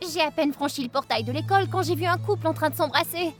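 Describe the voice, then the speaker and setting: A woman tells an animated diary story in a very high, bright voice. She sounds quirky and excitable. Soft music plays beneath her. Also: quick pace. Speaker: narrator. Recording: music behind the voice.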